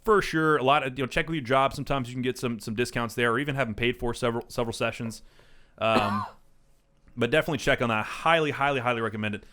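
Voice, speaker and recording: A man in his thirties talks quickly in a loose, unscripted chat. He rambles, restarts and swears a lot, and drives his points home with emphatic energy. His voice sits at an ordinary pitch. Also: pushed and bright. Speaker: podcast co-host. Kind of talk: casual chat.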